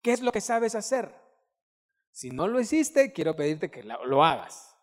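A middle-aged man preaching a sermon, animated, acting out quotes and breaking into loud shouted bursts. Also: sits high, measured pace. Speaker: pastor. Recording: long hall reverb.

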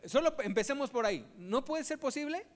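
A man's voice: very high voice, animated, a little fast. A man preaching in a conversational way, asking the audience rhetorical questions.

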